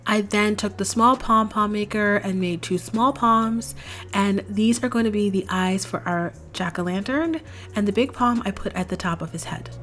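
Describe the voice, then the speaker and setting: A young woman who hosts a DIY craft channel talks through each step of a project at normal speed in a mid-range voice. She's chatty and relaxed, though a little hoarse while recovering from a cold, and faint music plays underneath.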